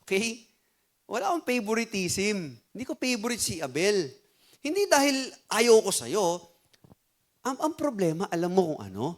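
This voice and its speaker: A man with a Filipino accent, a preacher, voicing God as he calmly questions and reasons with a man. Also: high voice, moderate pace. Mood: reasoning. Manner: patient, plain-spoken, questioning.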